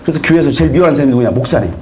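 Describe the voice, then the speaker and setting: A man's voice: on the high side, expressive, rapid-fire, darkish tone, a little hiss or hum. A man preaching a sermon to a congregation, asking them question after question. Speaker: pastor.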